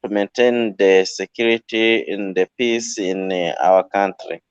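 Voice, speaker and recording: A man calling in by phone, speaking haltingly with many restarts. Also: on the low side, steady tone, clean tone, no room sound, lo-fi sound. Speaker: caller.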